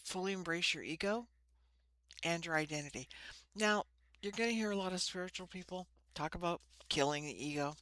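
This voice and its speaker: A woman with a low voice and a slushy lisp on her s sounds talks informally to camera as a spiritual host. She speaks in short, halting phrases. The sound is close and dry. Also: fairly bright tone, dry recording. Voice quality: lisping, slushy sibilants from ill-fitting dentures. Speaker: host of a spiritual card-reading channel. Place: small room.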